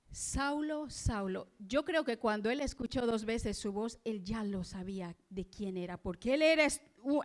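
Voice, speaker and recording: A woman preaching a sermon in a church, earnest and reflective, asking her listeners questions. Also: medium pitch.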